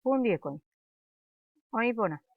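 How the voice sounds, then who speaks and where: A woman's voice: on the high side, expressive, vocal fry, no echo. A woman teaching a primary-school language lesson, patiently reciting letters and syllables one by one for pupils to repeat. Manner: slow, patient, syllable-by-syllable dictation. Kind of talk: slow classroom lesson, drilling letters and sounds. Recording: dry tinny lo-fi recording.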